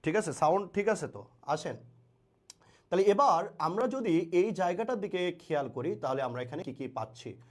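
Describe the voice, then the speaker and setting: A man's voice: high-pitched, lively intonation, moderate pace. A man teaching a live online English class, playful and coaxing, calling his students children and answering them by name, with speech.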